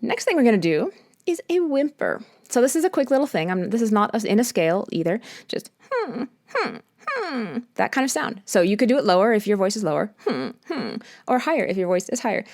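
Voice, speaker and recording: A woman vocal coach leading a quiet vocal warmup, stopping to demonstrate soft sounds. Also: medium pitch, big pitch swings, quick pace.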